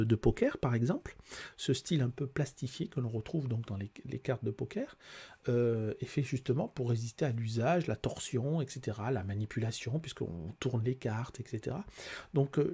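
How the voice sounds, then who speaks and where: In a husky, dark-toned, mid-range voice, a tarot reader and life coach presents two tarot decks side by side as a casual product review. His explanations are hesitant, with lots of fillers and restarts.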